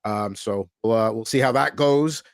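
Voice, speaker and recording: An American man hosts a hockey podcast, chatting casually in an easygoing, rambling way packed with fillers. His lowish voice is gravelly and moves at a normal speed, recorded at studio quality with no echo.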